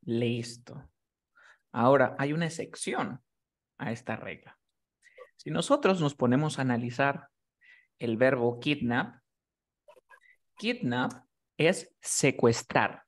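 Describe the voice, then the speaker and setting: A man's voice: mid-range voice, slow pace, long pauses. A man teaching a class, explaining rules patiently and often checking that his student has understood. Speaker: English teacher.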